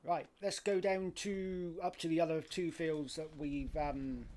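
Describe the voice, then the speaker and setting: A man's voice: fairly high pitch, steady tone, measured pace, a little mellow, slight background noise. A man with a blokey, matey way of talking, giving casual livestream commentary on a game. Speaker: live streamer.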